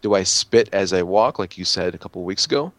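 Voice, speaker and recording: Young male co-host, deep and dry, earnest and curious. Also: quick pace, no room sound. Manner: earnest, asks many questions. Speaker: podcast co-host, gaming YouTuber. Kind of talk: casual group chat.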